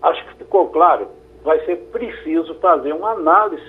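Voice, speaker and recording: Husky man explaining on a radio line. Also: a little high, narrow, tinny audio. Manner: measured, explanatory, with hesitations. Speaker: lawyer answering listener questions. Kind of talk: radio call-in advice.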